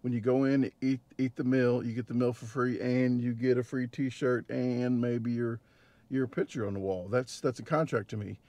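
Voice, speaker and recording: Gravelly-voiced man chatting from his car. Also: mid-range voice, fairly even intonation, moderate pace, dark tone, no echo. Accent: Midwestern American. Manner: chatty, rambling, lots of fillers and restarts. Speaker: vlogger and competitive eater. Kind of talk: casual vlog talk to camera. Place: parked car. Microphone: camera mounted on dashboard.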